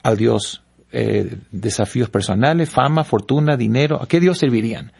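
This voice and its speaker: A pastor from Paraguay telling stories and preaching earnestly, repeating words for emphasis. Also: male voice, mid-range voice, normal speed, gravelly, darkish tone, slightly rough. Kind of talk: preaching-style storytelling in a panel talk.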